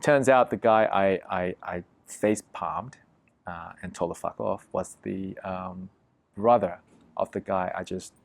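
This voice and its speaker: Man, low gravelly voice, podcast guest, emphatic storyteller, swears freely. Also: a little slow, dry recording. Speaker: interview guest.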